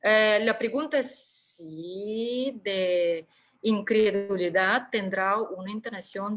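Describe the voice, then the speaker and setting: Slow, hesitant woman lecturing. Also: medium pitch. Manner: hesitant, many drawn-out fillers. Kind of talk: conference lecture.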